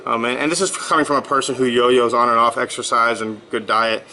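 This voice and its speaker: Just back from a workout, a blogger in his thirties rambles upbeat in a casual vlog, packing his speech with fillers. His mid-range voice is steady yet sharp, he talks fairly quickly, and the recording is low quality.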